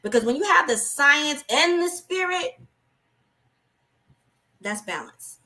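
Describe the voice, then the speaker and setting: A woman with a bright, forward voice gives an uplifting spiritual talk on a live stream. She speaks of affirmations and faith and now and then slips into soft, simple singing. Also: sits high, lively intonation, slow. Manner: warm spiritual pep talk, breaks into gentle singing. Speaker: guest speaker.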